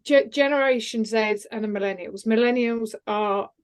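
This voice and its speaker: A middle-aged woman speaks as a podcast guest. She talks candidly and emphatically, pressing her points home. Her voice sits a little above the usual pitch for a woman. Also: moderate pace, clean tone. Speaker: guest, executive mentor and coach. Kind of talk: podcast interview conversation.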